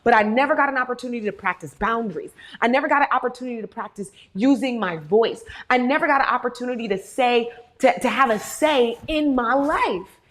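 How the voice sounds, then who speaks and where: Candid, animated woman talking to her audience. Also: a little high, brisk, few pauses. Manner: candid and animated, with frequent swearing. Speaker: host answering audience questions. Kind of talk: casual talk to an audience.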